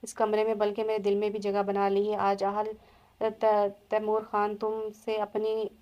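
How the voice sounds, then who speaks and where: A woman voicing a young man, a stern but softening husband, in an audio novel, read in a flat, even voice. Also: sits high, measured pace. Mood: tender.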